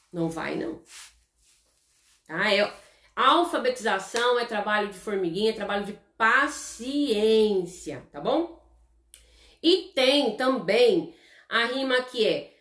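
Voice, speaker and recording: A woman's voice: a little high, a bit bright, reverberant. A Brazilian woman teaching a live online class. She explains patiently and keeps checking in with her viewers. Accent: Brazilian Portuguese. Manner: slow, explanatory, chatty with viewers, many "tá?" checks.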